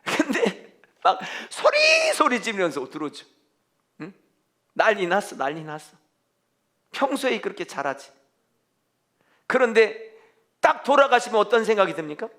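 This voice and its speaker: Male pastor, bright high voice, fervent sermon, swings up and down a lot. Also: sing-song, moderate pace, pauses often. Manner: emphatic, fervent preaching with rhetorical questions to the congregation. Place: church.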